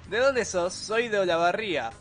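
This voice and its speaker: A man's voice: high-pitched, lively intonation, normal speed, fairly bright tone, faint music behind. Young Argentine man streaming games. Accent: Argentine Spanish. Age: young adult. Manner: slangy, joking, reads chat aloud. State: low-energy, subdued. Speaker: gaming streamer. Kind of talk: casual live stream commentary while gaming.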